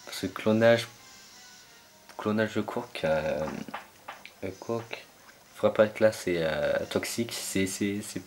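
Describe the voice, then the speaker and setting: A man's voice: fairly low pitch, slow, long pauses, over music. A young man commentating his own online battle game match, hesitant and full of fillers as he searches for names.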